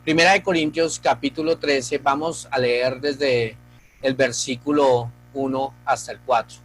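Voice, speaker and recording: A man's voice: mid-range voice, steady tone, measured pace, faint music behind, rough recording. A male pastor preaching a sermon, earnest and speaking straight to the congregation.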